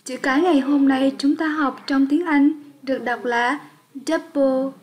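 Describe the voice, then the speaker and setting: A woman's voice: sits high, fairly even intonation, moderate pace. A woman teaching an English lesson for young children, speaking patiently and leading repetition drills.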